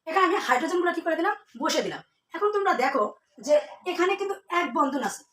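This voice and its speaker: A woman's voice: very high voice, animated, very fast, a bit bright. A woman teaching a chemistry lesson to students, asking questions and then answering them herself, repeating the key terms. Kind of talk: classroom lesson. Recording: echoey room, mic at a distance.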